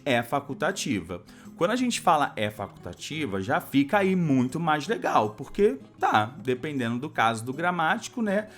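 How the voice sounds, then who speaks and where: Man, grammar teacher, step-by-step explaining, animated pitch, faint music behind. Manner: explains step by step, often adds a checking "tá?". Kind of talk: exam-prep grammar lesson.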